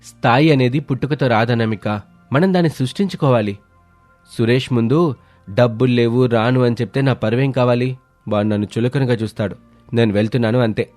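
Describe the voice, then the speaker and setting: Man doing cartoon husband, stubborn, proud, insistent, average pitch. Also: brisk, darkish tone, faint music behind, natural voice. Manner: stubborn, boastful. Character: proud young husband, stubborn and status-obsessed.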